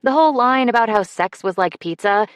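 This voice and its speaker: A woman's voice: on the high side, expressive, fairly quick, clear, resonant tone, dry recording, clean studio sound. A woman reading an audiobook in a wry, conversational scripted narration.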